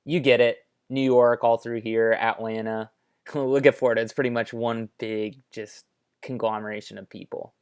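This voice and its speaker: A man's voice: medium pitch, flat delivery, normal speed, a little mellow, smooth. An American man giving an informal, conversational explainer with offhand asides, talking into a headphone microphone. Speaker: presenter. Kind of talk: casual explainer commentary over maps.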